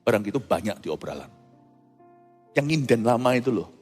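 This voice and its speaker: Middle-aged man, lively joking pastor voice, faint music under a reverberant church hall. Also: mid-range voice, a little fast, husky. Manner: animated, joking and folksy. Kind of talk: sermon.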